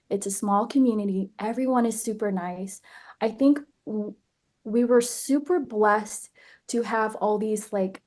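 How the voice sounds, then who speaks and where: As a guest on an interview, this young actress talks casually, laughs a lot, and keeps restarting what she's saying. She was born in Vietnam but grew up in Nashville, USA, and her voice sits in the mid range with a darkish tone.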